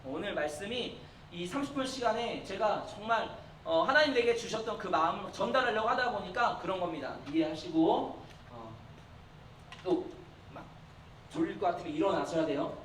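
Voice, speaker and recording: High-voiced man preaching to teens. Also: normal speed, a bit bright. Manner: coaxing, playful, often raises his voice for emphasis. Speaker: youth pastor. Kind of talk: sermon to middle schoolers. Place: church hall. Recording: echoey hall from far off, faint noise.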